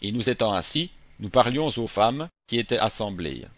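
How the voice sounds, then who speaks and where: Man, scripture reader, measured phrasing, dead-dry room, muffled lo-fi sound. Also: lowish voice, lively intonation, dry recording. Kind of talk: scripted Bible reading. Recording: dull, dry close recording.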